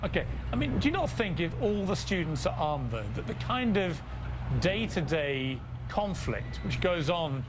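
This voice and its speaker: A man's voice: sits high, big pitch swings, normal speed, music in the background. A man hosting a live news interview, pressing his guests with pointed, argumentative questions. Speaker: news show host.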